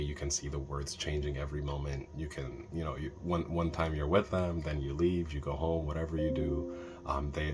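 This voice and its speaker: With a bass voice and some background noise behind him, a man from Ethiopia leads a meditation talk. He sounds reflective and unsure, often restarting and using many fillers.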